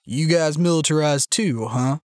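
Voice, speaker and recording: A man's voice: a little high, dry recording, clean studio sound, natural voice. A man playing a smug, coolly menacing young leader. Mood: cool menace. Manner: calm, sardonic, unhurried.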